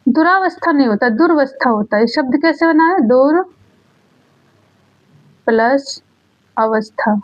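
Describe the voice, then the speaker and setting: Woman, high-pitched, teacher, exam-prep grammar lesson, repeats key words, self-answering questions. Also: slow pace, pauses often. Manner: asks a question, then answers it herself. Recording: dull lo-fi sound.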